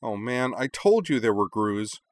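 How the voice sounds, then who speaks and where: A man's voice: on the low side, big pitch swings, unhurried, no echo. A man voicing a small, dubious male creature companion in a read-aloud story. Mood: wary. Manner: dubious, gloomy remarks.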